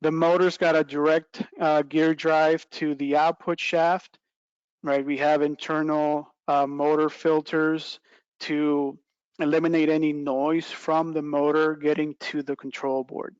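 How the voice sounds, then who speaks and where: A middle-aged man with a slightly high, smooth voice speaks in a flat, unhurried way, captured in a dry, lo-fi recording. As a product trainer on a webinar video call from a small plain indoor room, he explains the product step by step informally, checking in with "right" and "okay."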